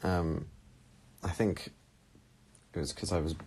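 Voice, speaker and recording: A man's voice: sits low, fairly even intonation, slow, a little mellow, husky. A young man casually chatting on a live phone stream, talking animatedly and reading out viewer comments from a small room. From England. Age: young adult. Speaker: livestream host answering viewer questions. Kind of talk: casual chat. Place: small room indoors, seated on red sofa. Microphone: phone at arm's length.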